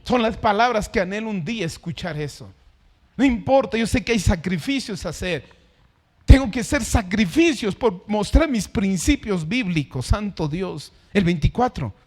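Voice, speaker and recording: A male pastor preaching a sermon, stressing words by slowing down and swinging between loud declarations and hushed asides. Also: high voice, animated.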